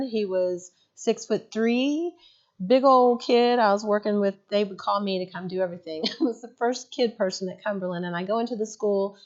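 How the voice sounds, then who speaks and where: A woman giving a mental health training, telling stories and acting out what people said. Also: mid-range voice. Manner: animated storyteller who acts out quotes. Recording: muffled lo-fi recording.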